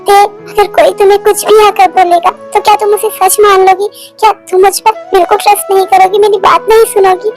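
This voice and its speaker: A woman's voice: very high-pitched, little pitch movement, fairly quick, hardly any pauses, faint music behind, poor audio. A woman voicing a heartbroken young man who pleads with his girlfriend and stammers over his words, in a fan-dubbed romance. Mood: pleading. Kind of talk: Hindi fan dub of a romance story.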